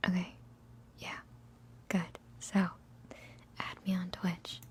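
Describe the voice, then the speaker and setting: A woman's voice: on the low side, completely flat delivery, slow pace, a little mellow. A young woman, an ASMR streamer, chatting and answering questions in a whisper, giggly and self-mocking. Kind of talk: whispered live Q&A ramble.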